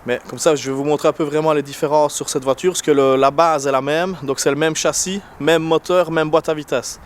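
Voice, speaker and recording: A man with an unusual French accent chats his way through a casual car vlog, with a slightly high voice. He hesitates, fills gaps and restarts his sentences often. The recording is noisy, with clear car and street sound behind him. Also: fairly even intonation, brisk. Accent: non-standard French accent. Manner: chatty, hesitant, many fillers and restarts. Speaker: car channel host. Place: in a car, then outdoors beside parked cars. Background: vehicle and street noise.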